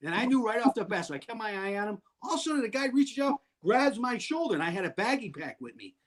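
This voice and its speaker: A man telling wild stories in an animated way, loudly acting out what people said and laughing often. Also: sits high, quick pace, a crowd in the background. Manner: excitable, acts out quotes loudly, laughs often. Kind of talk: animated storytelling.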